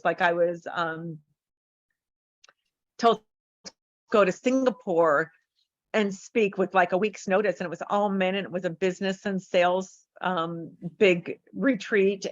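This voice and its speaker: A woman coach telling lively stories as a podcast guest, acting out the voices of the people in them. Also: lowish voice, no echo, dull audio. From United States. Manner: animated, acts out voices in her stories. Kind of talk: podcast interview storytelling.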